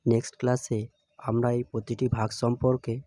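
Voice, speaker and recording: Male teacher giving a scripted grammar lesson, measured and steady, mellow timbre. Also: mid-range voice, dry recording. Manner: slow, measured explanation.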